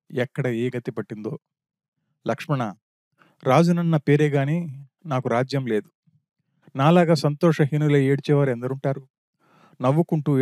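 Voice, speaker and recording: A man reading as a grieving prince, mellow and dry. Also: mid-range voice, dry recording, lightly acted. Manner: lamenting, full of anguished questions. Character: grieving prince lamenting his lost wife.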